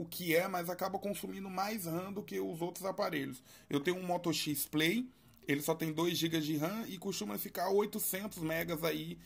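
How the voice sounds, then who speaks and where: A man casually reviewing a smartphone for his vlog, talking in a chatty, halting way with frequent tag questions. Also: fairly high pitch, creaky. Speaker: tech reviewer.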